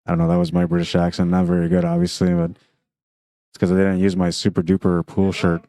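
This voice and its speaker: Man, pool stream commentator, chatty, smooth voice, dry close sound. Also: low-pitched, completely flat delivery, normal speed, dark tone, no room sound. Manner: chatty, thinks aloud about shots. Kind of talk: casual play-by-play commentary.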